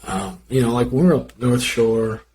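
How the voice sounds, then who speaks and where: Male podcast co-host with a Minnesota accent, middle pitch, easygoing and self-mocking banter. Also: moderate pace, a little mellow, slight background noise, poor audio. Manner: joking, self-deprecating. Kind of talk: casual chat.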